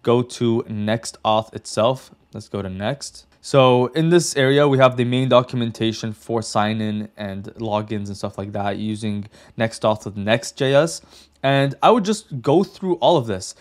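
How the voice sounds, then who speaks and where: A man's voice: medium pitch, unhurried. A young man hosting a casual coding tutorial, chatty and direct, often saying "like" and "okay". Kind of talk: casual screen-share tutorial.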